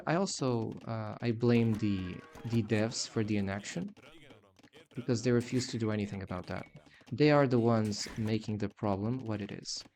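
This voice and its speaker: A man's voice: medium pitch, a little mellow, a little hiss or hum. A man streaming live gameplay commentary, sarcastic and complaining as he plays.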